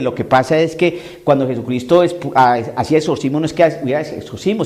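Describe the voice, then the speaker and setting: A man's voice: fairly high pitch, a little mellow. A man preaching a sermon, emphatic and repetitive, often acting out the voices he quotes.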